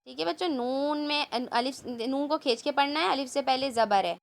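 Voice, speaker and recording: A woman's voice: sits high, vocal fry. Woman teaching Quran recitation letter by letter. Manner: spells out letters and vowel marks, then recites slowly; quick, patient explanations of recitation rules. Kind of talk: online children's Quran lesson.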